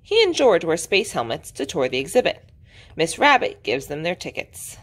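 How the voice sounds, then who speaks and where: A woman preschool teacher reading a picture book aloud to young children in an expressive, sing-song way. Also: fairly low pitch, normal speed. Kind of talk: storybook read-aloud.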